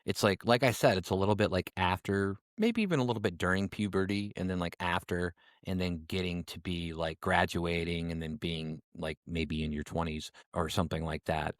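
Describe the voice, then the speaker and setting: Deep-voiced man joking on a podcast. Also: normal speed, hardly any pauses, no echo. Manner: joking, dry self-mocking humor. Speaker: podcast co-host. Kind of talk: casual chat.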